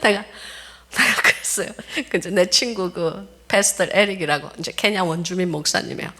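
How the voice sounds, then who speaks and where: A woman pastor preaching a sermon, telling stories in an animated way and acting out the voices of the people in them. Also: on the low side, moderate pace, husky. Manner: animated storytelling, laughs often, acts out quoted voices.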